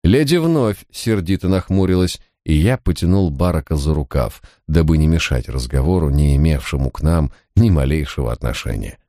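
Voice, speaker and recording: A man narrates an audiobook in the first person, measured and literary. His voice is very low and deep. The recording is close and completely dry. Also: lively intonation, warm tone, no room sound.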